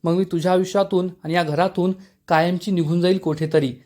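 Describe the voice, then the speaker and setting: A man reading the lines of a gentle young wife who pleads softly. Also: high-pitched, fairly even intonation, fairly quick, close to an everyday voice. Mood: sad. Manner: soft, pleading.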